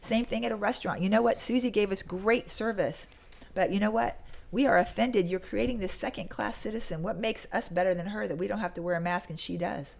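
An American woman appears as an activist guest in a conversational interview, earnest and insistent, acting out small exchanges within her anecdotes. Her mid-range voice is brisk and a little mellow, with vocal fry.

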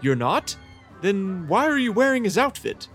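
A woman's voice: mid-range voice, sing-song, normal speed, faint music behind. A woman playing a self-important, fretful town mayor in a children's audio story. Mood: fretful, pompous.

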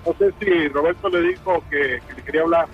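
A man's voice: on the high side, brisk, faint music behind. A man, a DJ getting defensive and indignant on a phone call aired on the radio. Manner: defensive, insistent, increasingly indignant. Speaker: DJ, prank call target.

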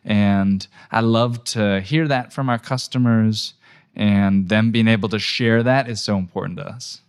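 Energetic man in a podcast chat. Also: on the low side, measured pace, smooth. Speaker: guest, gallery tour business owner. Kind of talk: podcast conversation.

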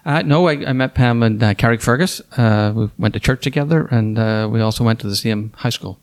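Northern Irish man, halting and fillers. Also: medium pitch. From Northern Ireland. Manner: hesitant, many fillers and restarts. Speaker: school superintendent. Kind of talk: casual interview.

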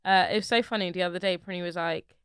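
A woman's voice: on the low side, steady tone, fast talker, smooth, no echo, clean studio sound. A woman with an urban London accent and lots of street slang, hosting a podcast in a casual, playful chat. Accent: London, urban multicultural slang. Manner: slangy, playful, repeats phrases for emphasis. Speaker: podcast host.

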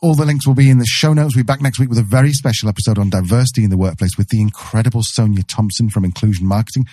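A man's voice: on the low side, racing, mellow, no echo, clean studio sound. A man co-hosting a podcast, with a nasal voice, bantering casually in a self-deprecating way. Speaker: podcast co-host. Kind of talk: casual show outro.

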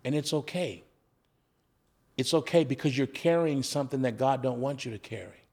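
A man's voice: mid-range voice, fairly even intonation, moderate pace, vocal fry, a little mellow. A man who is a former coach, talking as a podcast guest in an earnest, preacher-like way, often asking rhetorical questions. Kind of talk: conversational storytelling with preaching.

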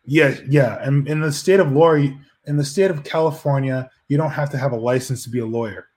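Male co-host, casual, rambling and argumentative, middle pitch. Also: fairly quick, darkish tone. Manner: rambling, argumentative, frequent restarts. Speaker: podcast co-host. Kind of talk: casual chat.

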